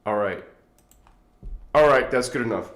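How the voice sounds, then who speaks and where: His mid-range voice is animated and a bit bright, delivered a little slowly in an echoey room. The man is hosting a casual livestream into a phone on a tripod, rambling and chatty with a stuffed-up nose and lots of chuckles.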